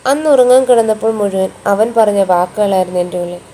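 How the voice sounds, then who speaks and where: A woman narrating a romantic story in an even, unhurried reading voice. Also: mid-range voice, a little hiss or hum, poor audio.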